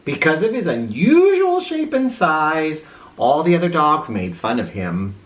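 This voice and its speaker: A woman reading a children's story aloud in a theatrical, expressive way, with an informal touch. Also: low voice, a little slow. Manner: theatrical, with informal asides to listeners.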